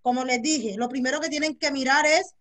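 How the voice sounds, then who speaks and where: A woman hosts an online workshop over a video call in a casual, friendly tone. Her voice sits high. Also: steady tone, brisk, fairly bright tone. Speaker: host of a workshop.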